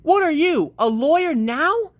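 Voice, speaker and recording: A woman's voice: high-pitched, animated, measured pace, voice pushed up. A woman voicing an exasperated mother who scolds her son about his toys. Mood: bargaining. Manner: stern, scolding, raised voice.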